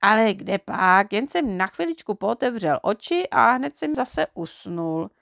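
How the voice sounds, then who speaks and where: A woman's voice: medium pitch, very animated, creaky, a bit bright, dry recording, studio quality. A woman doing a cheeky, boastful little boy. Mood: cheeky, defensive. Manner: fibbing, defensive, a little cocky.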